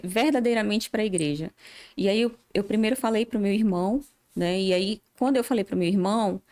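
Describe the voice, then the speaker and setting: A woman tells her own story as a podcast guest, earnest and steady. Her voice is mellow and warm, and she acts out the lines of people she remembers. Her pitch sits in the middle for a woman. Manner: earnest storytelling, often acting out remembered dialogue. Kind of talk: personal testimony in an interview.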